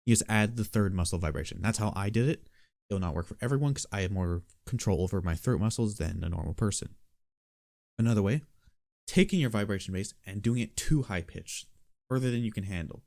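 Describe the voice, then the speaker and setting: Relaxed gravelly man explaining casually. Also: lowish voice, fast talker, no echo, clean studio sound. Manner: relaxed, matter-of-fact explaining. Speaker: beatbox tutor. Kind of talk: casual spoken tutorial.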